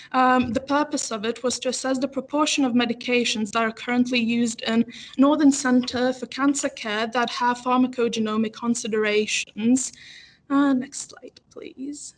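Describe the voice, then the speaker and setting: Young female trainee pharmacist, group video call presentation, higher voice, hesitant and filler-heavy. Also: fairly even intonation, a little slow. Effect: heard over a group video call. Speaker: pre-registration pharmacist presenting a project. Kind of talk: project presentation in a webinar.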